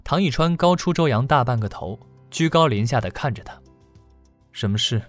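Male audiobook narrator over soft guitar. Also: medium pitch, brisk, no echo. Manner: steady storytelling delivery. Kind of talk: scripted narration.

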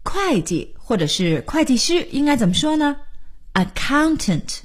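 A woman's voice: high voice, very animated, normal speed. A woman hosting a studio radio lesson, patiently explaining words and spelling them out letter by letter. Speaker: radio English teacher.

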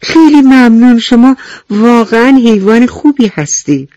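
A woman voicing an eager, greedy little ant in a children's radio story, in a high, excited voice that calls out. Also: dry recording, lo-fi sound, natural voice. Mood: delighted.

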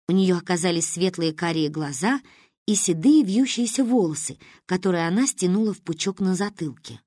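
A woman narrating a humorous story in a lively, expressive storytelling manner. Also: fairly low pitch, slightly rough, dry recording, clean studio sound. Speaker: audiobook narrator.

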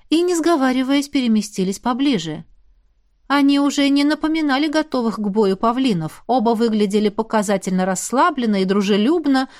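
Woman reading a fantasy audiobook, kinda high voice, wry and lively. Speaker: audiobook narrator. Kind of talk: first-person fantasy narration.

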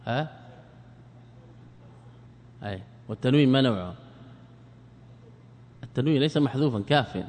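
A man's voice: medium pitch, animated, darkish tone. Guy teaching a class, fires questions at students, drags out words, long echo like a big hall. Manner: quizzing students, drawn-out repeated words. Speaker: Islamic scholar teaching a class.

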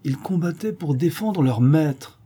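A man voicing a gracious, gently persuasive young woman, softly coaxing, in an audiobook reading. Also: a little high, expressive, a little slow, slightly rough, pitched above the performer's own voice.

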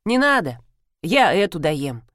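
A woman's voice: on the low side, very animated, fairly bright tone, no echo, studio quality. A woman voicing a laid-back, teasing young man who is the heroine's best friend in an audiobook. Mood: easygoing. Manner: slow, unhurried, teasing.

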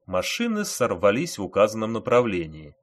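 A man narrating a crime audiobook in an expressive, dramatic reading. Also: fairly low pitch, fairly quick.

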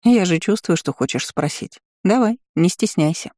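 A woman's voice: fairly low pitch, lively intonation, moderate pace, mellow, no room sound, clean studio sound, pitched above the performer's own voice. A woman voicing a mocking, lazy and bossy ancient female dragon spirit in an audiobook.

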